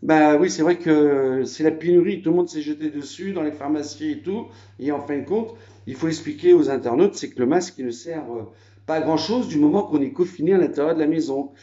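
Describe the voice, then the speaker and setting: A French vlogger rambles casually at his countryside house in a phone video, using many fillers. His voice is fairly high, brisk, and mellow, and the audio sounds dull.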